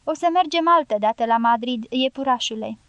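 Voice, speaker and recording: Storybook role: a wounded, commanding soldier, voiced by a woman reader, high-pitched and dry. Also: fairly bright tone, smooth, no echo, lo-fi sound. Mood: tender, firm. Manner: measured, firm commands. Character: American male dynamiter, wounded, calm and commanding.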